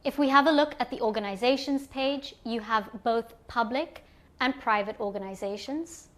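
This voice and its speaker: A woman from Zimbabwe guiding viewers through an online platform in a calm, step-by-step screen walkthrough. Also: on the high side, normal speed. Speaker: platform presenter.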